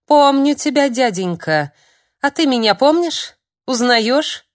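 A woman's voice: high-pitched, expressive, slow pace, dry recording, studio quality, pitched above the performer's own voice. A woman voicing a strange young village madwoman who murmurs tender, uncanny prophecies in a singsong way. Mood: cheerful.

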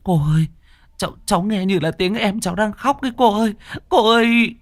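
A man's voice: high-pitched, a little fast, no echo, studio quality, voice pushed up. A man voicing a frightened young village woman who cries out pleadingly.

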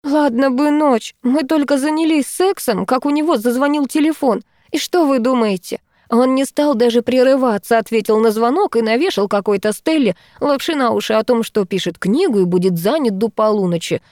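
A woman reading an audiobook puts on a heartbroken young woman with a thin, high whimper that keeps rising into a plaintive squeak. The delivery is close and dry, with no room sound around it. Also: moderate pace, few pauses, a little mellow, no echo, close to an everyday voice. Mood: upset. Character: tearful young woman, ashamed and distraught. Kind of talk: audiobook character voice.

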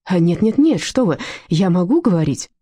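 A woman's voice: lowish voice, sing-song, normal speed, mellow, breathy edge, dry recording. A woman reading a storybook aloud, voicing an eager, fussy man flustered by a woman he fancies. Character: eager fussy middle-aged man, smitten.

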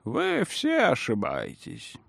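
A man doing a slow, indifferent old man. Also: mid-range voice, huge pitch swings, creaky, fairly bright tone, slightly rough, no room sound, clean studio sound, heavily acted. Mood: aloof. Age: older. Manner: slow, detached.

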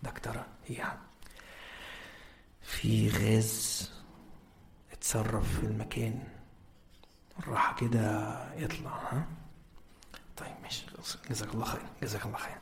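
An Egyptian man putting on a nervous man who whispers a hushed warning. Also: on the low side, flat delivery, normal speed, gravelly, long pauses, voice pushed down. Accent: Egyptian Arabic.

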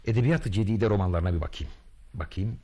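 A man's voice: fairly low pitch, brisk, warm tone, natural voice. A man acting a vain, boastful would-be freedom hero in a radio drama, telling his deeds grandly and muttering to himself. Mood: musing. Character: boastful self-styled male freedom hero, pompous, vain.

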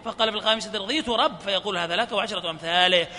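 At a study session, a man reads hadith chains aloud in a rapid, flat chant, laughing softly at times. His voice is high-pitched, and the recording carries a reverberant hall with faint noise.

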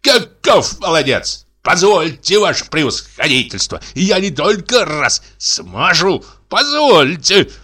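A man voicing a quarrelsome retired captain who yells insults in a piercing, shrill tenor. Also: sing-song, takes it slowly, few pauses, heavily acted. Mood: furious. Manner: yelling insults, mocking.

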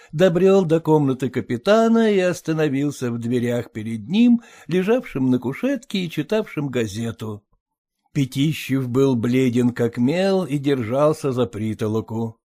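Measured male narrator, slow, a touch high-pitched. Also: dark tone. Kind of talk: audiobook narration.

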